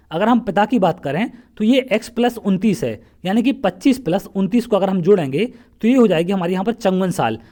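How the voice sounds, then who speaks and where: Exam-prep math teacher from central India, mid pitch, patient question-and-answer delivery. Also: darkish tone. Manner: asks questions then answers them, step by step. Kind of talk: exam-prep lesson solving past paper questions.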